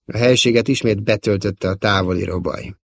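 A man giving a steady, dramatic audiobook narration. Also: fairly low pitch, gravelly, dry recording, clean studio sound. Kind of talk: scripted narration.

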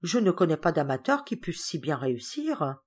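A woman's voice: low-pitched, very animated, moderate pace, slightly rough, full character voice. A woman doing a stern, formal uncle. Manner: formal, reproving. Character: stern middle-aged uncle, formal and reproving.

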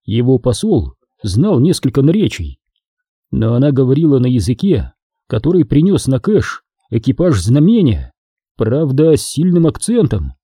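A man narrates an audiobook with lively, expressive intonation. His voice is very dark and mellow with a husky edge, recorded close and dry. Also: mid-range voice, moderate pace, dry recording. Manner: expressive storytelling. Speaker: audiobook reader. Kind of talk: scripted narration.

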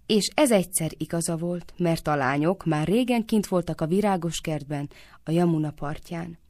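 A woman's voice: on the low side, a little mellow, no echo, studio quality. A woman reading a story aloud on radio, narrating steadily and giving each character a voice.

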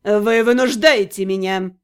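A woman's voice: mid-range voice, smooth, voice pushed down, natural voice. A woman voicing a drunk, arrogant young prince who drawls and sneers menacingly. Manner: slow, drawn-out, sneering.

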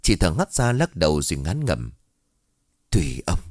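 A man narrating a ghost story in an expressive, dramatic storytelling manner. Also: low-pitched, brisk, no echo. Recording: dry voice over faint music.

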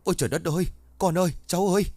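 A man voicing a blunt, rough-spoken old village grandmother in a spoken ghost story. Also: deep voice, fairly quick, no room sound, voice pushed down, close to an everyday voice. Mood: wailing.

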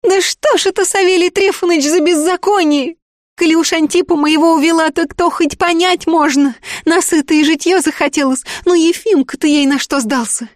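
A woman voicing a high, desperate peasant girl. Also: fairly even intonation, no room sound, clean studio sound, lightly acted. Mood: pleading. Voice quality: high, pleading and fast.

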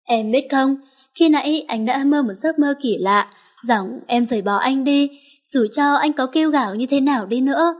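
A woman voicing a young man, a wounded, protective and jealous lover who speaks cold to enemies and gently to his girl. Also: sits high, moderate pace. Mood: tender. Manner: cold, then tender and teasing.

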